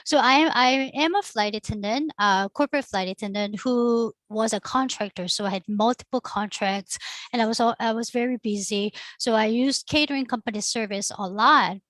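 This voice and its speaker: A woman's voice: fairly high pitch, normal speed, a bit bright, dry recording. A middle-aged woman from Korea with a Korean accent, a catering founder talking through her career on a discussion panel, earnest and full of fillers. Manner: earnest storytelling with frequent fillers. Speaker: catering company founder, guest.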